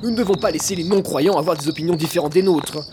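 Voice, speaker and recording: A man's voice: a little high, fast, close to an everyday voice. A man voicing an unctuous fanatical cult preacher. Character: calm fanatical male cult preacher, soothing. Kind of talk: amateur audio drama acting. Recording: noisy outdoor ambience.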